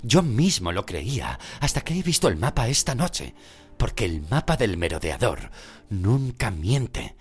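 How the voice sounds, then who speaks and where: Man voicing a middle-aged wizard teacher, raised pleading voice, husky, lively. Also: fairly low pitch, measured pace, voice pushed up, heavily acted. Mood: calm. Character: middle-aged wizard teacher, urgent then calmly patient.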